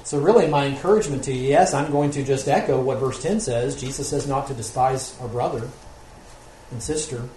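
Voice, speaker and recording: A man's voice: mid-range voice, fairly quick, warm tone. Man, pastor, delivering an earnest sermon with rhetorical questions; roomy church sound with light background noise. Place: church sanctuary.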